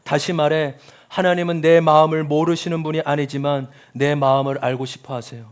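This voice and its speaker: A man preaching a sermon as pastor, talking straight to the congregation with questions and calls to say amen, his voice swinging from loud cries to soft asides. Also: a little high, little pitch movement, brisk, clear, resonant tone.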